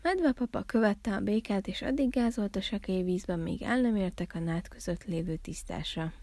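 A woman from a library reading a children's Christmas story aloud, calm and unhurried. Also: medium pitch, no echo.

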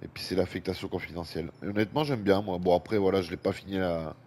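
His low-pitched, a little mellow voice runs fast with fairly even intonation: a French-accented gaming YouTuber, congested with a head cold, chatting casually over a video game and reading viewer comments. He breathes heavily now and then, and a fan whirs faintly near his desk microphone.

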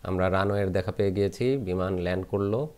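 A man in his thirties from Bangladesh, calmly narrating his travel vlog from his phone at arm's length, with small restarts. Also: low-pitched, fast talker. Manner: calm, descriptive, with small restarts. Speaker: travel vlogger. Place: outdoors at a lakeside hotel garden. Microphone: phone selfie at arm's length.

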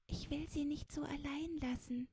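A woman's voice: high-pitched, steady tone, moderate pace, mellow, a little hiss or hum, voice pushed up, natural voice. A woman voicing a small, thin, frightened child in a storybook, whispering anxiously and close to tears.

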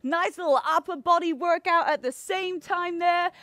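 A woman's voice: very high-pitched, moderate pace, bright, forceful tone, dry recording. A woman fitness coach talking casually and encouragingly to her class outdoors, addressing listeners directly. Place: outdoors on a backyard pool deck. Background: music.

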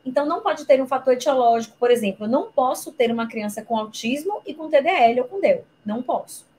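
A woman's voice: high voice, lively intonation, quick pace, a little mellow, poor audio. A woman, a guest speaker who explains her topic patiently, using examples and rhetorical questions. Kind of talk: explanatory talk in a live interview.

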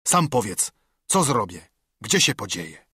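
A man's voice: on the low side, big pitch swings, unhurried, sharp tone, breathy edge, no room sound, clean studio sound, exaggerated voice. A man voicing a cunning old one-legged pirate cook who talks in a coaxing, confiding way, in an audiobook.

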